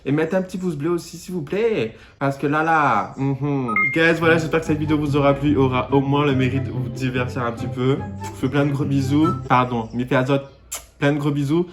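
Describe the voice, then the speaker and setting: A man's voice: mid-range voice, brisk, faint music behind. A man from Réunion giving a comedic vlog monologue in a playful, camp, theatrical way. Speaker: YouTuber.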